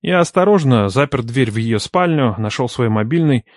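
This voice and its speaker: A man's voice: medium pitch, animated, normal speed, no room sound, clean studio sound. A young man narrating an audiobook in the first person, in a playful, teasing and ironic way.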